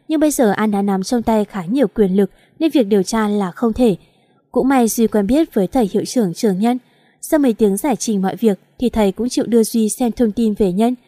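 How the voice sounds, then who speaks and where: A woman's voice: on the high side, fairly quick, warm tone, dry recording, studio quality. Woman narrating a dramatic romance story. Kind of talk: scripted romance novel narration.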